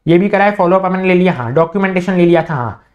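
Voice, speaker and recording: A man teaching an online exam revision class in with a flavour, firing off questions and answering them himself in a hushed student voice, and slowing down to spell out key terms. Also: high-pitched, lively intonation, lo-fi sound.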